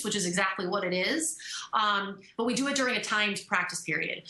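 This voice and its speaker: A woman's voice: mid-range voice, pushed and bright. A woman giving a lecture presentation, talking loosely with fillers and restarts. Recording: echoey lecture room.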